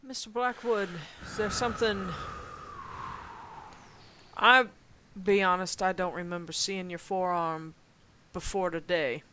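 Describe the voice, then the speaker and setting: A woman playing her character in a tabletop game, talking thoughtfully and deliberately. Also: on the low side, fairly even intonation, sharp tone, slight background noise. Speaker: player. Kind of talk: in-character tabletop role-play.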